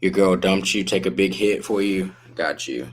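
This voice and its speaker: A man's voice: sits low, normal speed, a little hiss or hum. A man hosting a casual chat with a laid-back stoner drawl, using slang and swearing freely. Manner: slangy, profane. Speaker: livestream host chatting with viewers.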